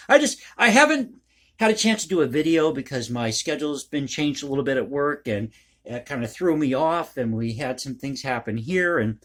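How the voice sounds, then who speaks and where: A man hosting a casual ad-libbed vlog, talking in a rambling, folksy, conversational way. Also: medium pitch. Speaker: online video host and commentator.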